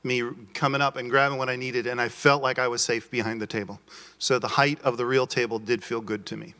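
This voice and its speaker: A man's voice: mid-range voice, level tone, brisk, bright, forceful tone. A man, out of breath, giving blunt, eager feedback after playtesting a game. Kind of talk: post-game feedback chat.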